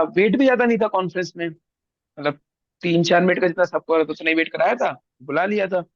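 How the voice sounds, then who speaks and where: High-voiced young man telling a story. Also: no room sound, muffled recording. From India. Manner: animated, acts out others' lines. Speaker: interview guest. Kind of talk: casual storytelling.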